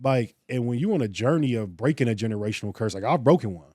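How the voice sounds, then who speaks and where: An earnest man talks on a podcast with a preacher's lilt. His voice sits at a middle pitch, recorded close and dry. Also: fast talker, no room sound. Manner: earnest, preacherly, animated storytelling. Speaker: podcast co-host. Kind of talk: casual podcast discussion.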